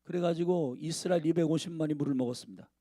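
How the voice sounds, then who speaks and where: A man's voice: fairly high pitch, quick pace, warm tone, dry recording, clean studio sound. A male pastor preaching a sermon, speaking emphatically and addressing the congregation directly.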